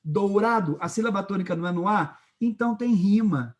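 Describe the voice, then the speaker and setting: A man with a Brazilian Portuguese accent teaching a literature class, lively and checking in often with his students. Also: sits high, fairly quick. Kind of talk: classroom lecture.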